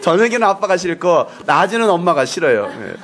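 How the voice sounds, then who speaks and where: A male pastor preaching a sermon, animated and playful, telling stories and acting out quotes. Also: high-pitched, a little fast.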